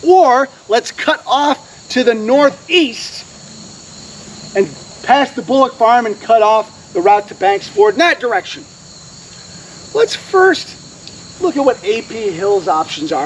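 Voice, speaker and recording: High-voiced man lecturing outdoors. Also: slight background noise, rough recording. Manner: dramatic storyteller, drops to a hushed voice at solemn moments; conversational, guides listeners through a map handout. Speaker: historian giving a talk. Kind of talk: storytelling lecture. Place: outdoors on a hillside.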